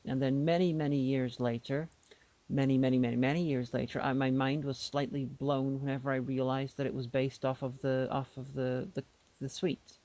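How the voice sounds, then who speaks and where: Speaking at a moderate pace, a podcast co-host with an extremely low, warm voice and little pitch movement chats casually. She is playful and rambling and keeps restarting her sentences. The audio, from a remote call microphone, is dull and lo-fi like an online call.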